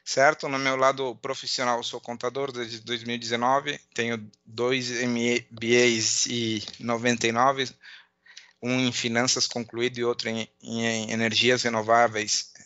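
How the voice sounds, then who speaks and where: A middle-aged accountant and data analyst gives an informal online conference presentation from home, speaking haltingly, repeating words and checking in often. He has a southern Brazilian border accent with Uruguayan influence and a medium-pitched, level, sharp-toned voice. The audio is dull but has no echo.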